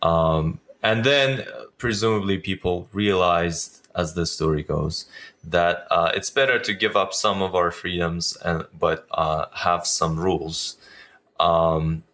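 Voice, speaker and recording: A man with a very low voice co-hosting a podcast. He thinks out loud slowly, hedging with frequent ums and uhs as he builds his point. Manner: thoughtful, hesitant, many ums. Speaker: podcast co-host. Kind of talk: casual chat.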